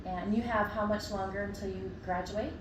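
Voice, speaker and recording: A woman's voice: medium pitch, steady tone, moderate pace. Female interviewer, encouraging and brief; roomy echo, noisy. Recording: echoey room from far off, noisy.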